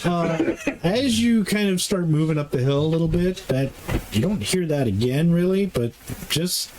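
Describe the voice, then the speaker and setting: A man improvising tabletop game narration as game master in a casual, halting way. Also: fairly high pitch, lively intonation. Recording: noisy room with clicks.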